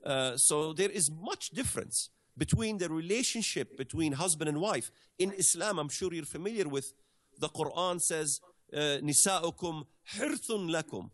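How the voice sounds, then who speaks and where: A man's voice: fairly high pitch, lively intonation, moderate pace, fairly bright tone. A man from the Middle East, a guest commentator explaining things in conversation, hesitant and full of fillers and restarts.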